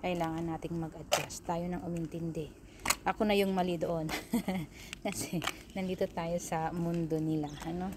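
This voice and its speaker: A woman's voice: on the low side, level tone, moderate pace, heavy background noise. Chatty woman vlogger with background ambience. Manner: chatty, laughs at herself, repeats words to show pronunciation. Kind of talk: casual storytelling vlog. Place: living in Korea.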